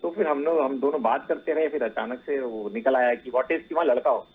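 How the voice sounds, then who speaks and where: A man's voice: medium pitch, a little fast, slightly rough, narrow, tinny audio. A man, a producer and actor, telling his story as an interview guest in easy, chatty Hindi sprinkled with English words. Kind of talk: casual interview chat.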